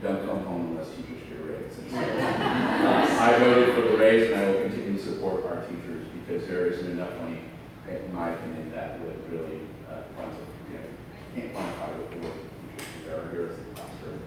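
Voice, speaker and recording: A man's voice: low voice, level tone, brisk. A man from Austin, Texas, a school board trustee, speaking earnestly to a public forum with many fillers and restarts. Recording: echoey hall, mic far off, background noise.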